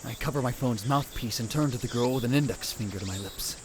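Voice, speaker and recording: Man voicing a hushed, theatrical young mad scientist. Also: medium pitch, fast, noisy background, natural voice. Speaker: narrator and lead in fan dub. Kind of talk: first-person visual novel narration. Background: music.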